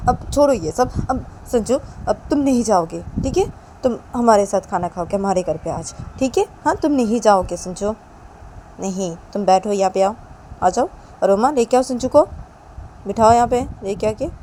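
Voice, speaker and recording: A loud, bossy middle-aged mother, as a woman storyteller puts her on. She talks high and raised and keeps insisting. Traffic hum and hiss sit behind the voice in a noisy recording. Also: animated, moderate pace, lightly acted. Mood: insistent. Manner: shouting, insistent.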